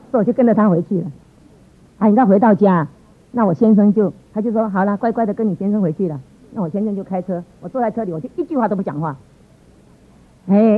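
A middle-aged woman giving a personal church testimony in a lively, exclamatory way with frequent laughter. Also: mid-range voice, breathy edge. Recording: tinny phone-like sound.

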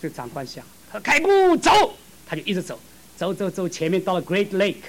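High-voiced preacher with big swings. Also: male voice, fast talker. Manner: storytelling with acted dialogue, swings from loud to hushed. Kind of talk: sermon.

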